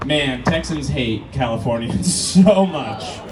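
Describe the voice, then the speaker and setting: A Brazilian-born comedian in his thirties performs stand-up before a live club crowd, telling wry, profane stories and talking back to the audience. His medium-pitched voice is expressive and slow. The distant, roomy recording is noisy and full of crowd laughter.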